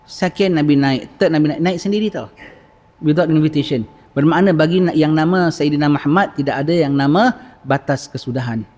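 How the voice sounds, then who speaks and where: Seorang lelaki berloghat Malaysia menyampaikan kuliah agama di masjid, bercerita dengan bersemangat dan menghidupkan dialog. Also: male voice, a little high, a little fast. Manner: animated, acts out dialogues, frequent "ha?". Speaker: religious lecturer. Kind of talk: mosque sermon lecture. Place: mosque. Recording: long reverb of a mosque hall.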